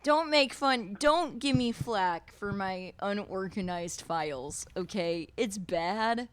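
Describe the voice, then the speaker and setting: A woman's voice: medium pitch, animated, takes it slowly, dry recording. A woman running a live-streamed tabletop game as game master, chatty and self-deprecating with many fillers.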